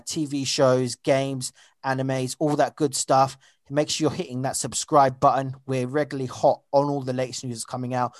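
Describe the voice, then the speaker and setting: A man's voice: medium pitch, no echo, clean studio sound. A man hosting a casual podcast, chatty and upbeat with lots of fillers. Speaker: podcast host.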